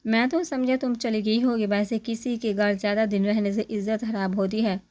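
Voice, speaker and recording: A woman's voice: mid-range voice, flat delivery, moderate pace, a little mellow, close to an everyday voice. A woman voicing a talkative young man who keeps teasing his friends, in a chatty, joking manner.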